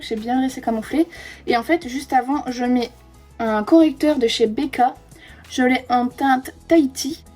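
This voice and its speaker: "Hop," says a twenty-something beauty vlogger each time she applies a product to her friend's face during a chatty indoor makeup tutorial. She has a slightly high, mellow voice.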